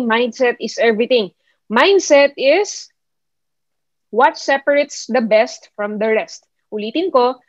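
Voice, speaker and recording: A fairly high-voiced woman with a Filipino accent coaches an online group, mixing English into her speech. She repeats her key points and keeps asking her listeners questions. Her voice comes through a computer mic, close and dry, with a dull, muffled tone. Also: no room sound. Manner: repetitive, questioning the audience; mixes English into Tagalog. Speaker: network marketing mentor. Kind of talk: online motivational talk.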